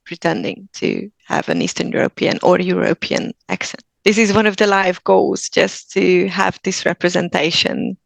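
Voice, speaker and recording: A Hungarian woman with a Hungarian accent, guesting as an actor on a casual podcast, speaks earnestly and thoughtfully, frequently restarting her sentences. Her lowish, gravelly voice has lively intonation, a normal pace, and few pauses. The recording is dry.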